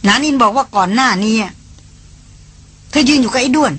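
A woman reader voicing a firm male expedition leader, the eldest brother, giving calm orders. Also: very high voice, moderate pace, husky, voice pushed up, heavily acted. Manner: firm commanding.

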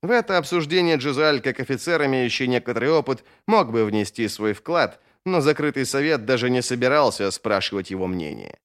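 Male audiobook narrator, expressive, lively pitch, mid voice. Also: a little fast, hardly any pauses. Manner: expressive, varied intonation. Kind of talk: scripted narration.

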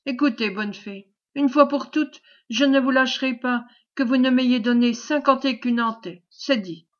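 A woman's voice: fairly high pitch, steady tone, moderate pace, dull audio, natural voice. A woman reading as a tearful, stubborn peasant lad. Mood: determined. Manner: pleading, respectful but determined.

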